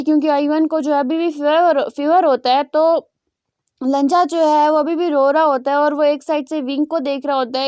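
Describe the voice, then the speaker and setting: A woman's voice: sits high, a little mellow, no echo. A woman host casually retelling a story to her channel viewers, with many filler words. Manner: fillers, repeats "jo hai" a lot.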